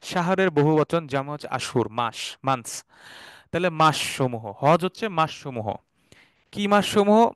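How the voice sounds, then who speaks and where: A man's voice: fairly high pitch, fairly bright tone, smooth, no echo, clean studio sound. A man teaching a Quranic Arabic class, explaining words step by step, repeating terms and asking the class questions. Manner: mixes English words into Bengali explanation. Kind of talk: recorded online class.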